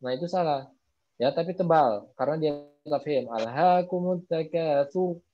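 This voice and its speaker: A man's voice: fairly high pitch, normal speed. A man teaching Quran recitation in an online class, casually explaining and repeating words aloud to model their pronunciation. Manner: loose explaining with frequent fillers. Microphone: video call. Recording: muffled video call audio.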